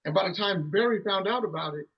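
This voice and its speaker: A musician guest in his thirties tells stories in a casual interview, rambling with lots of "you know" and restarts. His high-pitched voice moves at a quick pace, and the audio's highs are cut off.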